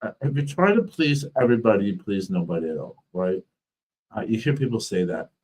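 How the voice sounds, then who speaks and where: A man's voice: fairly low pitch, lively intonation, a little fast, a little mellow, a little hiss or hum, rough recording. A man with thick, slurred speech from a swollen tongue, weakened and fatigued, chatting casually on a livestream as an author and host.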